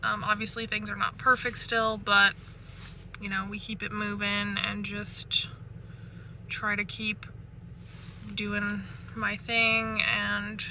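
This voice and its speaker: A woman vlogging from inside her parked truck in casual, rambling, slangy chat, with faint ambient noise behind her. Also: a little high.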